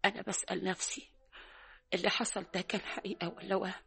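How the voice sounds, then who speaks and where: An actress with an Egyptian accent playing a guilt-ridden, tearful young village woman in a vintage radio drama, with a raspy, breathy voice. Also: mid-range voice, flat delivery, fast talker, fairly bright tone, faint music behind. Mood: anguished. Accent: Egyptian Arabic.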